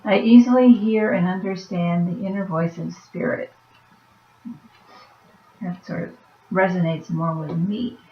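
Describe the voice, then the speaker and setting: A woman's voice: lowish voice, fairly even intonation, a little slow, pauses often. A woman with a weak, fading voice reading oracle cards aloud and adding offhand comments. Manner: soft-spoken, reads then comments offhand. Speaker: oracle card reader. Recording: roomy, dull lo-fi sound.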